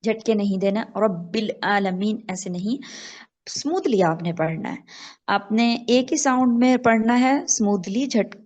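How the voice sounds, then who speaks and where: A woman leads an online tajweed lesson, explaining pronunciation patiently and repeating phrases slowly. Her voice sits mid-range for a woman. The call audio is slightly muffled. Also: mid-range voice, darkish tone. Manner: patient, instructive, models recitation slowly. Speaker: Quran recitation teacher.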